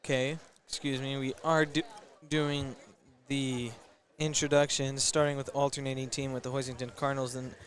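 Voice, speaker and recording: A young man doing commentary for a high school basketball broadcast, announcing in a casual, hesitant way with frequent self-corrections. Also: little pitch movement, normal speed, hardly any pauses. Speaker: student play-by-play announcer. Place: school gymnasium.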